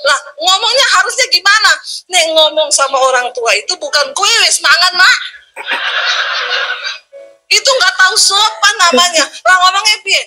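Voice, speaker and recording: A woman pastor from Sulawesi with a Sulawesi accent, preaching in a lively, dramatic way and swinging her voice for comic effect. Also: extremely high pitch, fairly quick, rough recording. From Sulawesi, Indonesia. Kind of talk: humorous storytelling sermon.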